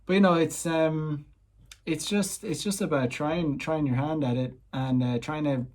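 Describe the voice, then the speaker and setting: A man's voice: a little high, steady tone, unhurried, a little mellow. A man from Ireland, talking casually and rambling with many fillers as he gives dating tips and translates simple Japanese phrases. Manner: rambling, heavy on "you know" fillers; slips in basic Japanese phrases and translates them. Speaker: dating coach. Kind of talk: casual explanatory vlog talk.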